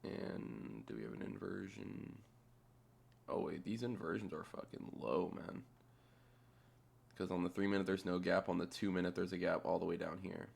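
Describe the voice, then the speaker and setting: Man, deep voice, very creaky, casual thinking-aloud commentary, offhand, muttered, sweary. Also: normal speed, a little mellow. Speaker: trader narrating a chart replay.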